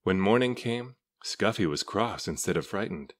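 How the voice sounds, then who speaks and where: Low-voiced man reading a storybook. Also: animated, moderate pace. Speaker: storybook reader. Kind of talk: read-aloud children's story narration.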